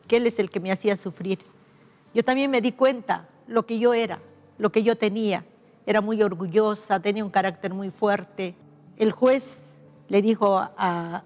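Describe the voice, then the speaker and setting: Speaking with a Peruvian accent in a mid-range voice, an older woman pastor from Peru recounts her life as a heartfelt, reflective testimony. She pauses and starts over at times, and the recording carries a long reverb tail.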